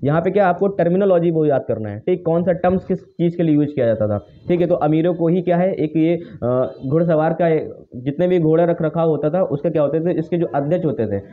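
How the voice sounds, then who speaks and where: A man's voice: a little high, a little fast, few pauses. A man teaching an exam-prep lesson in a casual spoken way, tagging nearly every phrase with "theek hai" and answering his own questions. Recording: dull lo-fi recording.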